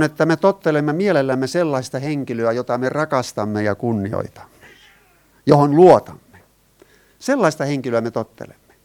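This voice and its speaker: A man's voice: fairly high pitch, a little mellow. A man preaching a sermon, stressing his points and putting rhetorical questions to the congregation. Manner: asks the listeners rhetorical questions, rises and falls in emphasis.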